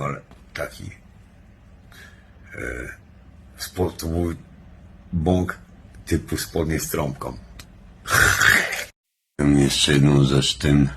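A man with an extremely deep voice rambles like he is stoned. His delivery is a casual, sluggish monologue peppered with swearing. Faint noise sits behind the recording. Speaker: vlogger.

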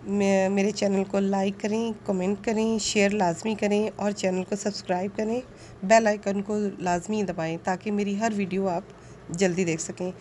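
A woman with a soft, mellow narrates her shopping vlog in an earnest, courteous way. She pauses with small fillers as she talks. A faint hiss sits under her voice-over, which was recorded at home. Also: mid-range voice, flat delivery. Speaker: vlogger.

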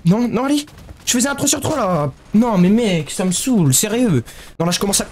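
A man giving casual gameplay commentary, excitable and slangy, often yelling at the game. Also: sits high, a little fast, slight background noise. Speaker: gaming YouTuber.

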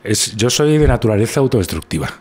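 A man's voice: on the low side, big pitch swings, fast, darkish tone. A man with a Spanish accent, a guest comedian telling rambling anecdotes in casual conversation, with many restarts.

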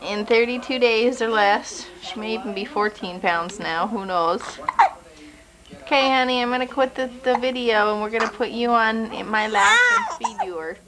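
A woman's voice: a little high, expressive, moderate pace, a crowd in the background, low-quality recording. A mother narrating a home video of her baby in the living room, talking sweetly to the infant while holding a camcorder. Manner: chatty, talks sweetly to the baby. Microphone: handheld camcorder.

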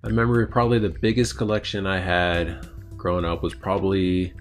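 Low-voiced man telling stories on a podcast. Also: a little fast, faint music behind. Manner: relaxed storytelling with fillers. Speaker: podcast co-host. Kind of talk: casual chat.

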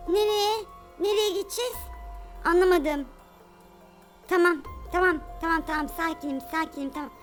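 A brash superhero mom, voiced by a woman for a comic game role-play, with a very high, piercing voice. She throws around rough street slang and fires her words off in quick repeated bursts. Faint music plays underneath. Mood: pleading, sarcastic.

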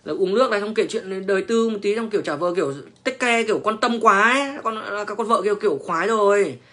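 Brief: young man, crude casual storyteller, lots of cursing and stammered repeats, voice a bit high. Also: quick pace, bright, forceful tone. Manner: profane, repetitive stammering restarts, slangy. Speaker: online personality telling stories.

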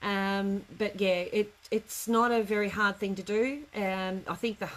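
A middle-aged woman teaches a live craft class from an indoor studio workroom, chatting casually and wandering a bit off topic. Her mid-range voice is slightly bright, unhurried, and fairly even in intonation. The low-quality recording carries noticeable room background noise.

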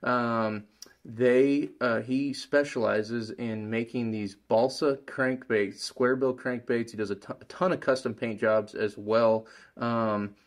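A man in his thirties hosting a fishing interview, relaxed and a bit hesitant, setting up questions in a small room. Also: medium pitch, takes it slowly. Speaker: interview host. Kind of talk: casual interview. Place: small indoor room at a table.

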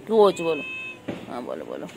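A woman's voice: very deep voice, huge pitch swings, quick pace, creaky, very noisy. A woman filming cats on an empty street at night, chatting casually and coaxing them with affectionate, repetitive baby talk.

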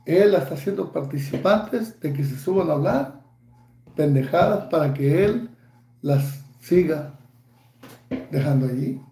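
A Mexican man in his fifties rants and taunts, swearing at every turn. His voice runs high yet mellow. The room around him rings with echo. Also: expressive, a little slow, long pauses. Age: 50s. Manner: angry, profane, taunting. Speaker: YouTuber. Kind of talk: ranting vlog.

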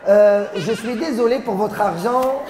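A man's voice: sits high, measured pace, a little mellow. A male stand-up comedian working the crowd on stage, teasing and chuckling as he talks. His voice sits in a roomy live hall. Audience chatter and noise carry underneath. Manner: teasing, chuckling through lines. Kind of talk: live crowd-work banter.

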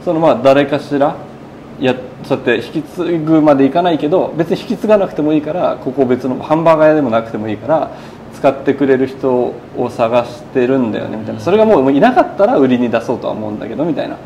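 A man in his thirties who owns a small burger shop talks casually as an interview guest indoors in the shop, recorded on a lapel mic. Chatty, he tells his story in long run-on sentences and quotes people directly. His mid-range voice is dark, lively in intonation and quick, with slight background noise.

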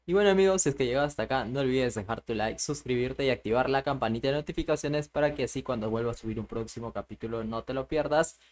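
A man's voice: mid-range voice, steady tone, quick pace, hardly any pauses. A young man giving casual commentary as he reacts to a cartoon, speaking close to a microphone indoors. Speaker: reaction video host. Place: small indoor room. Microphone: close boom-arm microphone.

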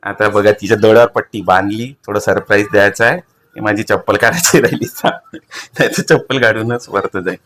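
A man's voice: fairly low pitch, brisk, a bit bright, slight background noise. A man with a Marathi accent hosting a casual family vlog, chatty, coaxing and playful. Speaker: vlog host.

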